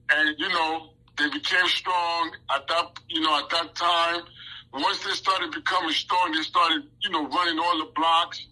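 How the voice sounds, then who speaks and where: Bright-voiced man, rambling interview guest. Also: fairly high pitch, low-quality recording. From Haiti. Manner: rambling, many fillers and restarts. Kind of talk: casual interview talk.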